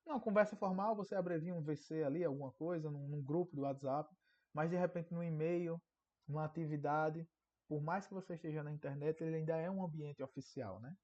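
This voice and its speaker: A man teaching an online course in a casual lecture, often checking in with a quick tag question. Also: fairly high pitch, darkish tone. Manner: conversational, frequent tag questions. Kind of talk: recorded online class lecture. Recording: dull lo-fi audio.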